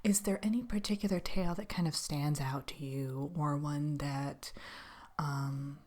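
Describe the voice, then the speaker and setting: A woman performs an ASMR role-play as a polite interviewer for a fairy tale realm. Her voice is low and breathy, mostly unvoiced. She speaks in a hesitant, chatty way, putting questions softly. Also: steady tone, a little slow.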